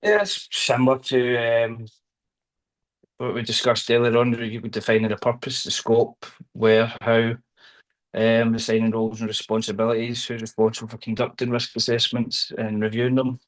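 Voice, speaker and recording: A man with a Glaswegian accent, talking through his workplace training and risk assessment work in an interview, hesitant with many pauses and restarts. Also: medium pitch, completely flat delivery, poor audio. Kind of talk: conversational professional discussion.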